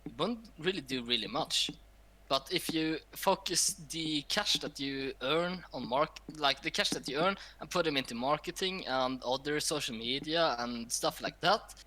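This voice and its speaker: A man on a gaming talk show panel, giving his opinions in loose, casual chat with some drawn-out phrasing. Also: fairly high pitch, lively intonation, sharp tone.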